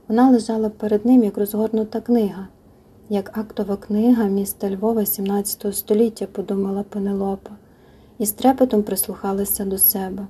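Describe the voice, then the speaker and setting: An audiobook narrator reads a novel aloud in a soft, intimate style, sometimes dropping to a near-whisper. Her medium-pitched voice is very dark and mellow, with a husky grain.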